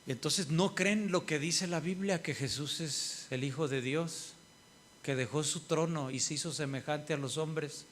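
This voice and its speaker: Pastor guy preaching, fairly high voice, keeps checking in with the crowd. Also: measured pace, slight background noise. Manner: asks the congregation "¿sí?" often, acts out quoted people. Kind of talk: sermon.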